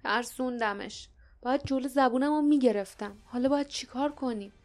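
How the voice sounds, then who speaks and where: A gruff male fighter in a storybook, pushy and short-tempered in how he speaks, as a woman narrator reads him. Faint music plays underneath. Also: high voice, lightly acted. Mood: impatient. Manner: blunt, forceful, impatient. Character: blunt, impatient grown male warrior.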